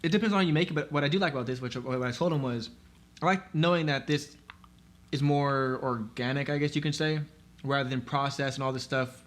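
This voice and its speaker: A man's voice: mid-range voice, fairly quick, a bit bright. A young man co-hosting a podcast in casual chat, easygoing and agreeable, often hedging. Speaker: podcast co-host.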